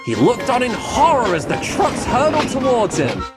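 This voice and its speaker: A man narrating a children's train story in an expressive storytelling manner. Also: very high-pitched, normal speed. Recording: narration over loud music.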